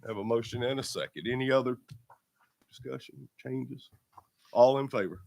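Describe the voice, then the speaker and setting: A man's voice: medium pitch, creaky, a little mellow, no room sound. A man chairing a county board meeting who has a cold, so his voice sounds muffled as if inside a box. He runs the agenda in a plain, matter-of-fact way. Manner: plain, matter-of-fact, halting procedural talk. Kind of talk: formal meeting procedure.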